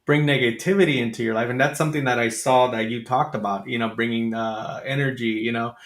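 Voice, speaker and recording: A man's voice: medium pitch, steady tone, fairly quick. A man hosting an interview, telling a personal story candidly with plenty of fillers and restarts. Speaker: host. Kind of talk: conversational interview. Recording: echoey room.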